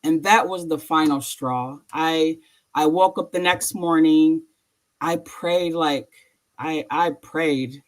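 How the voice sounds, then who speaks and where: A woman as an interview guest, telling her personal story in a halting, emotional way with nervous laughs. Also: deep voice, steady tone.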